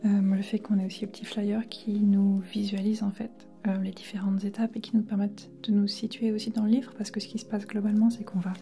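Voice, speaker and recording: Female ASMR presenter, casual library whisper, very mellow and even, music in the background. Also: medium pitch. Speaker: ASMR book collector presenter. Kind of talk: ASMR, whispered casual chat about books.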